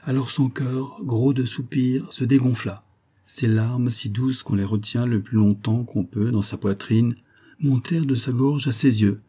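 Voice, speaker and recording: A man reading a French novel aloud as an audiobook, in a slow, gentle narration. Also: mid-range voice, fairly even intonation, slightly rough. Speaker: audiobook reader. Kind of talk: scripted narration.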